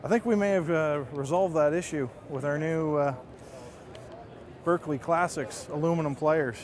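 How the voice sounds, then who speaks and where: A man giving a casual, conversational product demonstration, explaining things like a marketing rep. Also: normal speed. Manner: explanatory, conversational sales pitch. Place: trade show booth. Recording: busy trade show crowd behind.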